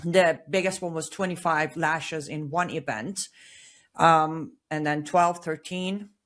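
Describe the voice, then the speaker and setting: Female guest from Iran, slightly low voice, measured and earnest. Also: a bit bright. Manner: measured, earnest personal account. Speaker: guest author. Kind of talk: interview answers.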